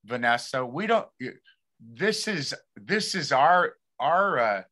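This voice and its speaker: A man hosts an informal community talk show at a slow pace, with a bright, forceful voice. His delivery is halting, and he often repeats a word while he finds the next. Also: on the high side, big pitch swings. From Lummi community, Pacific Northwest United States. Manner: halting, repeats words as he searches for them.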